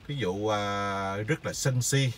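A middle-aged man, telling stories in a casual, rambling monologue full of hesitant filler pauses. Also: fairly low pitch, fairly bright tone, a little hiss or hum. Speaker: vlogger sharing stories.

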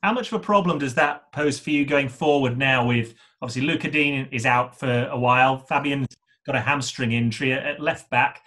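A man, a journalist, asking brisk, direct questions at a press conference over a video call. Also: mid-range voice, sharp tone.

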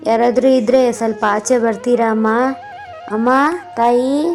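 A woman voicing a frail elderly beggar man in a cartoon, speaking softly and humbly as he begs. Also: a little high, steady tone, a little slow, soft background music. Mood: pleading. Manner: soft, humble, begging.

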